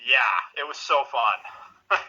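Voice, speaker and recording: A man's voice: medium pitch, lively intonation, takes it slowly, bright, forceful tone, breathy edge, highs cut off. A man as a guest on a podcast, laid-back and swearing in casual chat over a remote call.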